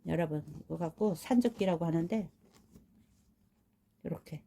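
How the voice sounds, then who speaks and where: A woman with a low, warm, mellow voice gives a relaxed hands-on florist's tutorial. She chats viewers through every step as she works, checking in with them along the way. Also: normal speed, vocal fry. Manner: chatty, talks viewers through each step while working. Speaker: florist demonstrating flower wrapping. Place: rural home.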